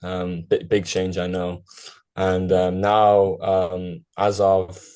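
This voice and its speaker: Young man, from Ireland, podcast guest, very deep voice, monotone, casual rambling chat. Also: takes it slowly. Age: young adult. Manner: rambling, full of fillers and self-corrections.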